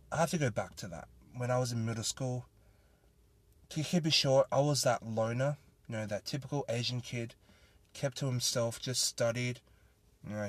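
With a mid-range voice and no echo in the recording, a young Australian podcast host delivers a casual solo monologue that comes across as earnest, rambling and grateful.

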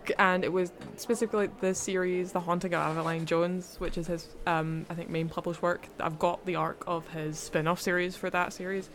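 A woman's voice: on the low side, little pitch movement, brisk, hardly any pauses. A woman chats casually about books as a podcast co-host. She is enthusiastic and giggles often, and faint background noise sits behind her voice. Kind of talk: casual book chat.

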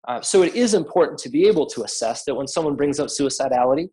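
A man working as a counselor, calmly explaining in an interview, speaking with frequent ums and uhs. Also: a little high, quick pace, poor audio. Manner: calm, many fillers, acts out quoted voices.

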